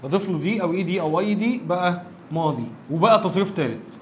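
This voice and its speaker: A man's voice: high voice, quick pace, darkish tone, lo-fi sound, slight background noise. A man with an Egyptian Arabic accent teaching an English grammar lesson, explaining step by step and often checking that his listeners follow.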